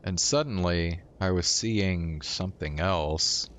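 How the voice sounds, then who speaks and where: Guy reading visual novel narration out loud on stream, really low voice, slow. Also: slight background noise.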